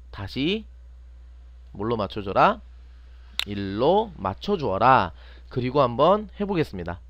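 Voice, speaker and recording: A man who teaches programming online walks through an unscripted, step-by-step screen tutorial, frequently posing questions and answering them himself. His voice is mid-range and a bit bright, and the recording sounds muffled.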